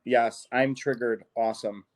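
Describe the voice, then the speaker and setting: A man's voice: mid-range voice, fairly even intonation, unhurried. A man from Chicago with a Chicago accent, co-hosting a casual podcast chat, playful and giggly. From Chicago area. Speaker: podcast co-host.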